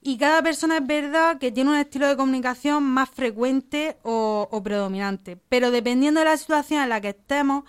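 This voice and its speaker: Calm, clear-voiced psychologist woman. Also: high-pitched, fairly quick, few pauses. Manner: calm, methodical, explaining in structured lists. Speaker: psychologist guest. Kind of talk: explanatory radio interview answers.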